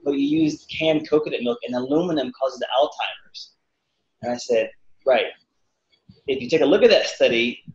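Male, 30s, casual animated interview guest, home video call, roomy and slightly muffled. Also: medium pitch. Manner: animated, acts out quotes with voices. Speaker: guest, fitness cook. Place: living room at home.

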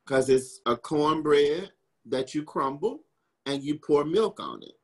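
A man's voice: a little high, animated, takes it slowly, rough recording. A man from the American South, a historical interpreter and chef, answering questions in a chatty way with frequent laughs and wry asides. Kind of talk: casual Q&A answers.

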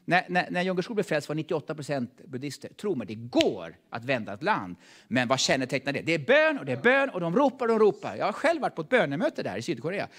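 A man with a Swedish accent preaching a sermon in a church, emphatic and repeating words, dropping from loud calls to hushed tones. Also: a little high, sing-song. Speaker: pastor. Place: church hall.

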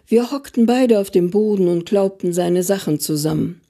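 A woman author giving a calm, measured reading of her own story. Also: mid-range voice. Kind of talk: literary reading.

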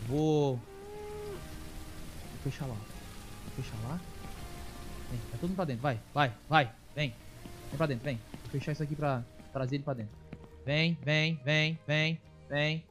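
A man giving casual let's-play commentary, excitable, calling out to viewers and coaxing animals aloud. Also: on the high side. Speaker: gaming streamer.

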